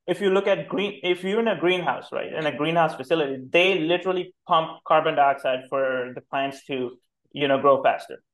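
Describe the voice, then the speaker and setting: Male guest, 30s, slightly high voice, rambling and argumentative, heavy on fillers. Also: moderate pace, a bit bright, poor audio. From India. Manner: hesitant, full of fillers, argumentative. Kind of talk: casual discussion.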